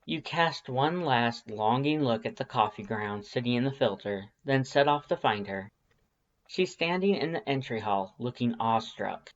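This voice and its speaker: This is expressive fiction narration for an audiobook, delivered at a moderate pace in a wry, chatty way by a voice of middling pitch. It was recorded at home and sounds somewhat dull.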